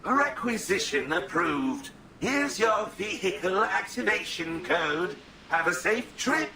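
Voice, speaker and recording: A man voicing a polite robot clerk with a slow, courteous, formulaic delivery in a video game. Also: high-pitched, very animated, gravelly, roomy sound, background noise, heavily acted.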